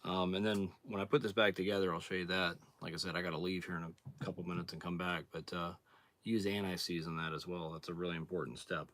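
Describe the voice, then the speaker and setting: Speaking fast on a dry recording, a low, hoarse man talks his way through a job, clearing his throat as he goes. The outdoors channel host keeps it relaxed and plain-spoken, thinking aloud through a casual hands-on demonstration.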